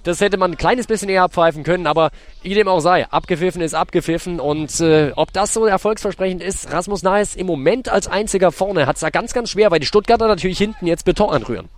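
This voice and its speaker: High-voiced man calling football play-by-play. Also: fast. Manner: detailed, descriptive calls in short clipped phrases. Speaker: sports commentator. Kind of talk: live play-by-play football commentary.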